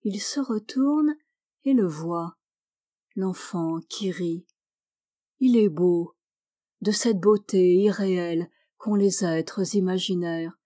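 A woman reading a literary story aloud in a slow, gentle, measured way. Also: fairly low pitch.

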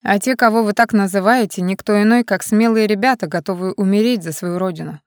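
Stern male militia leader, read by a woman, measured lecturing delivery, dry sound. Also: mid-range voice, no echo, close to an everyday voice. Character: serious stern man, militia leader, self-assured.

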